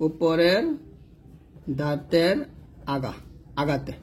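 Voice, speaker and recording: Patient high-voiced man drilling letter sounds. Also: slight background noise. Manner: repeats and drills syllables slowly, patient. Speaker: Quran recitation teacher. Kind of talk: slow instructional explanation with drilled letter sounds.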